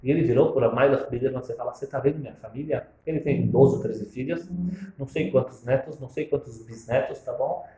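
A man giving a storytelling sermon, animated and acting out the dialogue. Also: mid-range voice, fairly quick. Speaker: religious speaker. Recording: roomy echo.

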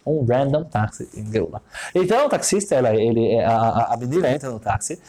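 A man with a Brazilian Portuguese accent telling a story in a sermon, animated and peppered with Hebrew terms. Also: mid-range voice, a little fast, a little hiss or hum. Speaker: religious speaker.

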